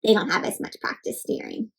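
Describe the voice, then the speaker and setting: A woman reads a storybook aloud to children in an animated, interactive style, fairly quickly. She asks the listeners questions and throws in playful sound effects and exclamations.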